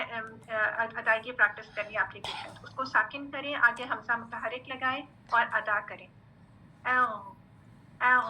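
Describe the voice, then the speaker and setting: A woman teaching Quran recitation, patient and methodical, drilling letter sounds slowly and checking in with her class often. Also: on the high side, sharp tone, a little hiss or hum, low-quality recording. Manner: patient, repeats "theek hai" often. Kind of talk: online tajweed lesson.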